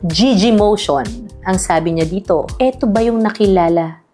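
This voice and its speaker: A woman's voice: medium pitch, moderate pace, dark tone, faint music behind. A woman from the Philippines in her thirties, vlogging in a playful, teasing way, laughing often and mixing in English. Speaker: vlogger, singer. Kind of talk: casual vlog reading comments.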